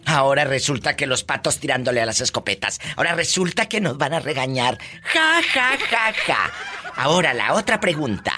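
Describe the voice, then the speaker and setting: A woman's voice: very deep voice, expressive, quick pace, few pauses, bright, forceful tone, slightly rough. A woman hosting a comic call-in show, flamboyant, teasing and campy. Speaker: radio comedy host.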